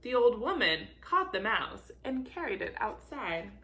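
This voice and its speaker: Heard over poor audio, a woman with a pushed, bright, rather high voice reads a children's tale in a sing-song manner. As a volunteer storybook reader, she performs theatrically and lingers on the repeated action words for emphasis.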